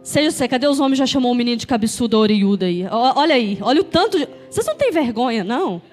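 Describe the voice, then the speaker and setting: A woman's voice: on the high side, expressive, rapid-fire, a little mellow, faint music behind, a faint crowd. A Brazilian woman pastor preaching a sermon, telling a story vividly and calling the congregation to say amen. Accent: Brazilian Portuguese. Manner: storytelling, calls for amens from the congregation.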